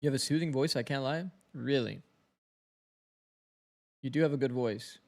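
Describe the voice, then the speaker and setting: Here a man talks through an esports match on stream, casually analyzing plays for his viewers and thinking aloud without stopping. He speaks at a normal speed in a medium pitch, his voice a little raspy from so much streaming.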